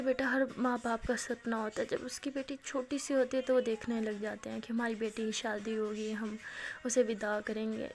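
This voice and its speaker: A young woman with a slightly high voice tells her own story in a chatty, animated way. She laughs now and then and slips into the voices of the people she quotes. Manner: chatty, laughs often, mixes English words. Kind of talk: first-person storytelling.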